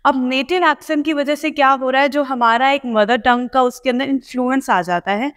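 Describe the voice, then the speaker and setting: A woman PTE coaching teacher, explaining pronunciation to students in a spoken lesson. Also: high-pitched. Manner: explanatory, addresses students directly. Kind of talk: spoken lesson in Hindi-English mix. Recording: long hall reverb.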